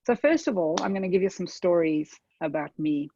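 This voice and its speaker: Her fairly low, mellow voice is animated and fairly quick, heard through dull audio with slight background noise. A South African woman with a South African accent, she gives a conversational webinar presentation, speaking straight to her audience and frequently checking "okay?".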